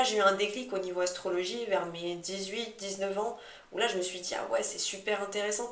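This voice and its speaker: A woman's voice: mid-range voice, creaky. Talkative woman chatting in an echoey room. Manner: talkative, digressive. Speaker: astrology podcast co-host. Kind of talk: casual conversational chat about personal experience.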